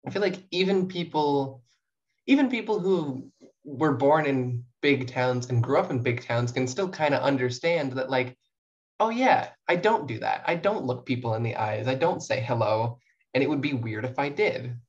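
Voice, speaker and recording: Her very deep voice moves animatedly at normal speed, a little mellow, over dull audio. She's a young short story writer chatting informally and reflectively as a podcast guest.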